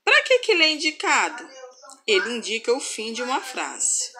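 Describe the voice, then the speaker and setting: A woman teacher giving a slow grammar lesson to children, reading example sentences aloud with expressive intonation. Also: on the high side, slight background noise. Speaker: schoolteacher.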